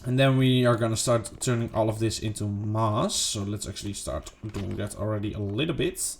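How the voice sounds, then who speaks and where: At a normal speed and with a gravelly voice, this gaming video creator chats casually through his gameplay. The unedited commentary is rambling and self-doubting, packed with fillers and "boom," and carries slight background noise.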